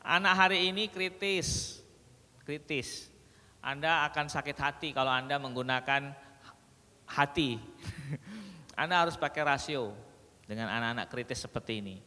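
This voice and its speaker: A man's voice: a little high, normal speed, long pauses. A man speaking to an audience in a hall, telling stories and acting out dialogues with humour. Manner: animated storyteller who acts out dialogues with humour. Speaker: speaker at a parenting sharing session. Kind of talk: lively seminar talk to an audience. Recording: reverberant hall, faint background noise.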